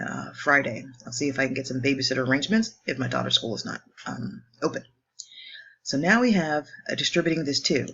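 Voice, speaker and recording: A woman math teacher working through homework problems step by step in a brisk, upbeat way, joking now and then at her own expense. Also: deep voice, a bit bright, slightly rough, lo-fi sound. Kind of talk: homework walkthrough lesson.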